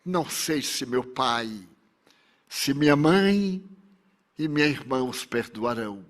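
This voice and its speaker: A woman who survived great cruelty speaks of forgiveness, as a man retells her words. Her voice is high and unhurried, and each phrase comes out solemn and heavy with grief. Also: expressive, a bit bright, full character voice.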